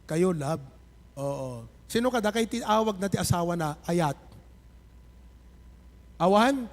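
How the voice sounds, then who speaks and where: High-voiced Filipino pastor preaching. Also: male voice, unhurried. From Philippines. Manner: animated, calling out members of the congregation. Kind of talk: sermon to a congregation. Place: church sanctuary. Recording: long church reverb.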